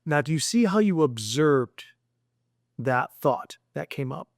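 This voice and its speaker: A man speaking to his son in a heartfelt mindset lesson. He is earnest and long-winded, stringing thoughts together with "and," and gently encourages the boy. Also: fairly high pitch, expressive, measured pace, dry recording, studio quality. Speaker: father addressing his son.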